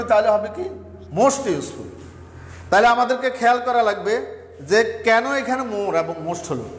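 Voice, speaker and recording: A man teaching English grammar in a step-by-step classroom lesson, asking questions and answering them himself, with a Bangladeshi accent. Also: high-pitched. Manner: explains step by step, asks and answers his own questions. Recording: echoey room with long reverb.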